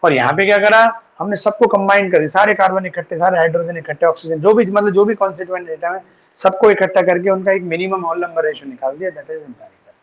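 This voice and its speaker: A man's voice: sits high, fairly even intonation, quick pace. A man teaching a chemistry class online, patiently talking students through formulas and mixing in English terms. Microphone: online class setup. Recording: dull lo-fi sound.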